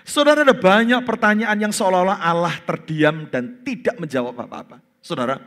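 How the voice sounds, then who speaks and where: Middle-aged preacher guy, high voice, animated sermon acting out bible voices. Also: brisk. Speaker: pastor.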